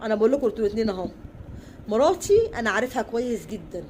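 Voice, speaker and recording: A woman's voice: fairly high pitch, big pitch swings, rapid-fire, warm tone, slight background noise, voice pushed down. An Egyptian woman voicing a stern, self-righteous husband who lectures firmly. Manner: firm, lecturing.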